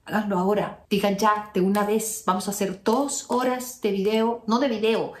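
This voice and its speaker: A woman's voice: medium pitch, fairly even intonation, moderate pace, a little mellow, roomy sound. A woman self-help coach reading out a viewer's letter and commenting on it with emphatic, sassy asides.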